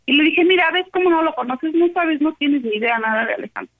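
High-voiced Mexican woman on a tinny phone line. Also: fast. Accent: Mexican Spanish. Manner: animated storyteller, quotes both sides. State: upset, agitated. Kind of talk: casual phone chat, retelling an argument.

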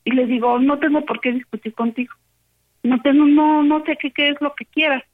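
A woman's voice: sits high, normal speed. A woman with a Mexican Spanish accent, upset and agitated, telling a friend over the phone about an argument and acting out both sides. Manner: animated storyteller, quotes both sides. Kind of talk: casual phone chat, retelling an argument. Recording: tinny phone line.

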